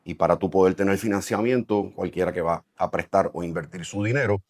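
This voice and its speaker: Deep and darkish in tone, a brisk male voice comes through at studio quality with no room sound. The speaker, a middle-aged developer and company president from Puerto Rico with that island's Spanish accent, gives considered interview answers peppered with fillers and restarts.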